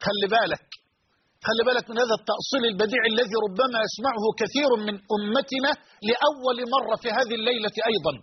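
High-voiced preacher, dull recording. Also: male voice, rapid-fire, breathy edge. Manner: emphatic, repeats key phrases for the audience. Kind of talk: religious lecture. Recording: dull lo-fi recording with faint noise.

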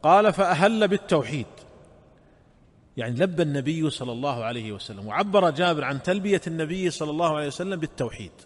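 A man delivers a religious lesson in a measured, explanatory way, circling back to repeat key phrases. His voice sits a little high for a man. The sound carries a long reverb, as in a large hall. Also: lively intonation. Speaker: Islamic scholar.

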